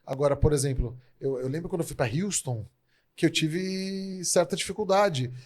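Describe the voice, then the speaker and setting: A man's voice: a little high, moderate pace, slight background noise. A man from Brazil hosting an interview podcast, chatty and full of self-corrections as he talks. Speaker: podcast host.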